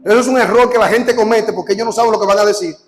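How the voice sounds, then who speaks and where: A male preacher giving an impassioned sermon in a live church service, questioning his congregation and often shouting. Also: high voice, racing. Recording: echoey church hall with music and congregation. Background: music and congregation.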